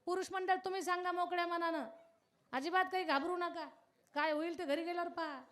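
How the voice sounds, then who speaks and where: High-pitched, animated woman preaching a kirtan. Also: fairly quick. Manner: animated, questions the audience directly. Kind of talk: devotional kirtan sermon with storytelling.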